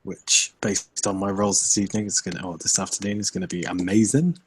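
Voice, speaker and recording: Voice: deep voice, steady tone, a little fast, a little hiss or hum. A player at a tabletop role-playing game, making dry, sarcastic remarks about the dice.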